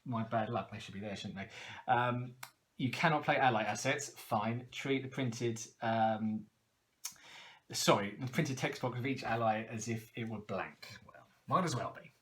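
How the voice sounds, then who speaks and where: A man's voice: medium pitch, measured pace, a bit bright, a little hiss or hum. A man talking through a card game as he plays, laughing often and talking to himself. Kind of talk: casual game playthrough commentary.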